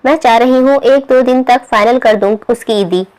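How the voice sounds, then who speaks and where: A woman's voice: a little high, normal speed, a little mellow, natural voice. A woman voicing a bossy, sarcastic middle-aged mother.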